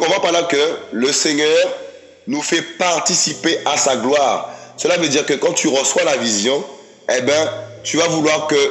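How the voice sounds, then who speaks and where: A man's voice: a little high, a bit bright. A man preaching a sermon, emphatic, repeating his phrases and often calling out to his listeners as friends. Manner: addresses audience as "mes amis".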